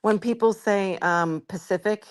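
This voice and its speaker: A woman's voice: lowish voice, normal speed, vocal fry. A woman guest on a live stream, chatting casually and telling laughing anecdotes. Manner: laughs often, tells anecdotes.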